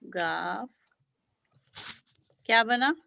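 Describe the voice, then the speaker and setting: A woman's voice: on the high side, expressive, extremely slow, gravelly, sharp tone, no echo, dull audio. A woman teaching beginner language to children, patiently sounding out letters and praising often. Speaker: Urdu teacher.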